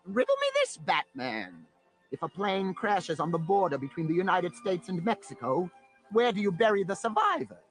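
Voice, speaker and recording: A high, wildly animated male supervillain, taunting and gleeful. It is broad, theatrical superhero radio drama with music underneath. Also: moderate pace. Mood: gleeful menace. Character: manic, taunting male riddle-obsessed supervillain. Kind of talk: campy superhero audio drama acting.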